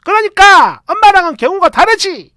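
A woman voicing a nagging older mother-in-law who scolds loudly in a shrill voice. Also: very animated, normal speed, no echo, studio quality. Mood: blustering.

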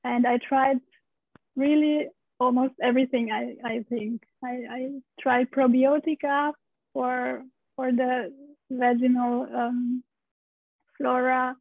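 Here the Romanian guest, a woman in her thirties who practices pelvic steaming, has a high, gravelly voice with a flat delivery and a slow pace. She is an open storyteller who laughs a lot and gestures, interviewed by video call from her living room. Her laptop mic gives a dry, tinny recording.

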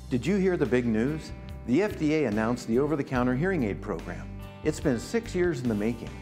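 Man spokesman, animated pitch, upbeat sales ad, music faint. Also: a little fast. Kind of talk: TV commercial pitch.

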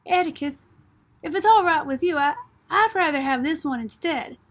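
A woman's voice: high-pitched, expressive, moderate pace, voice pushed up. A woman reading the part of an earnest, secretive boy of about twelve, using drawling Southern small-town speech. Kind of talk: audiobook reading.

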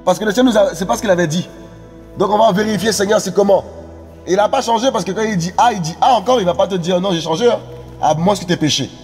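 A man's voice: high voice, fast, darkish tone. A man preaching a sermon, emphatic and direct, often calling out to his listeners as friends. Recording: long reverb with faint music behind.

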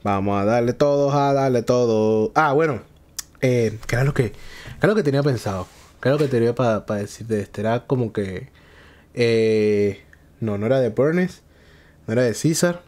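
A Venezuelan man giving excited, slangy gameplay commentary with loud exclamations and rapid repeated words. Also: mid-range voice. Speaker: gameplay streamer. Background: game music.

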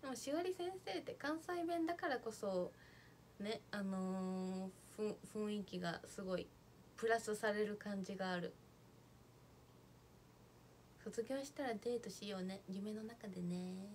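A young woman talks casually to her livestream viewers, thanking them by name as their comments come in. She chats in an easy, rambling way at a mid pitch. A faint hiss of background noise sits under her voice. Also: unhurried. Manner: chatty, reads viewer comments aloud. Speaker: idol livestreamer.

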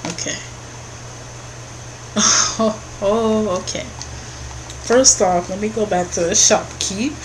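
A young woman talks through a video game as a casual let's-play host. Her pitch is middling and her pace is unhurried. A faint steady room noise sits behind her voice. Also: rough recording. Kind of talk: casual let's-play commentary, reading game dialogue aloud. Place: small indoor room at home.

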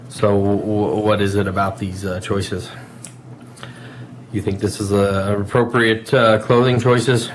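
A man's voice: lowish voice, little pitch movement, measured pace. A man vlogging at the dinner table at home, chatting playfully with his child in a teasing way, with hesitant fillers. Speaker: vlogger and father. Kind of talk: casual home vlog chat. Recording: roomy echo with light background noise.

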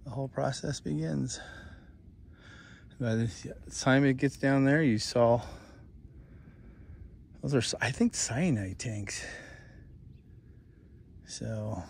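Slow-talking man exploring outdoors. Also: medium pitch, vocal fry, darkish tone, slight background noise. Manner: musing, offhand, thinks aloud with hedges. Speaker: explorer vlogger. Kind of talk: casual walk-and-talk narration. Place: outdoors at an abandoned mining mill.

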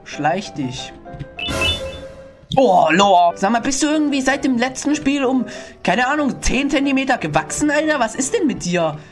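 A young man commentating a video game, sarcastic and quick to mock the characters on screen. His pitch swings around a lot as he talks. Game music plays clearly behind him. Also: very animated. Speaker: gaming YouTuber. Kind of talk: sarcastic let's-play commentary.

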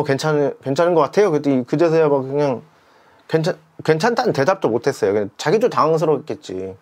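Male delivery rider, casual vlog storyteller, slightly high voice, animated and rambling. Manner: animated retelling, acts out his own shouted words; many fillers and repeated "이렇게".

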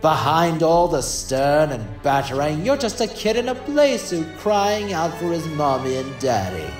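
A man voicing a gleefully cruel clown supervillain in a cartoon fan dub, theatrical and mocking, drawing out his taunts from hushed menace to shrill glee. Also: sing-song, unhurried. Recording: roomy echo with music behind.

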